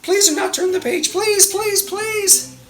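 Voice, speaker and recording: A woman's voice: extremely high pitch, soft background music, voice pushed up. A woman voicing Grover, a timid furry monster who begs and pleads in a frantic storybook reading. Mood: frantic pleading. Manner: frantic, pleading, drawn-out begging. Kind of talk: storybook read-aloud.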